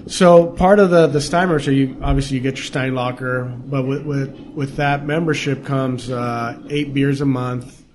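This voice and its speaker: A man's voice: mid-range voice, fairly even intonation, moderate pace, few pauses, background noise. A man who runs a restaurant and brewery, talking casually and proudly in an interview about what he serves, recorded in a small restaurant. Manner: proud, explains details at length.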